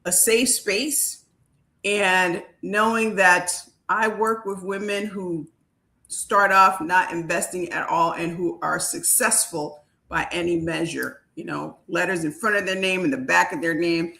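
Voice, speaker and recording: A woman's voice: lowish voice, fairly even intonation, unhurried, gravelly, pushed and bright. A woman from Haiti hosting a live video chat as a wealth coach, talking in an upbeat, emphatic way.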